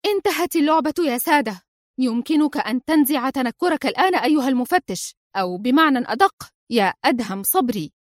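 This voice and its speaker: Female reader as a sharp, nervous woman spy, bright-pitched, storybook audio. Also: big pitch swings, quick pace, no echo, clean studio sound. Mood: sharp fierce.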